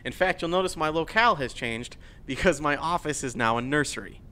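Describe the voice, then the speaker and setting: A man's voice: a little high, expressive, fairly quick, pushed and bright. A young man hosting a football hot-take segment, ranting in an incredulous, mocking way. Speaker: host. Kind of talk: ranting sports commentary.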